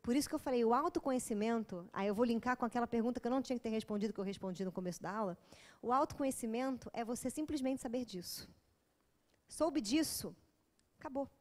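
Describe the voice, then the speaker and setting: A woman with a Brazilian accent giving a lecture, telling frank stories and acting out dialogue in an animated way. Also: on the high side, fast. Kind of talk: lecture with lively anecdotes.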